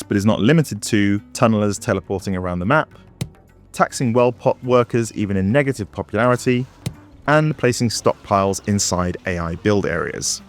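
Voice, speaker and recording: Low voiced guy doing scripted game promo narration, wry n playful, music behind. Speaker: developer presenter. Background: background music.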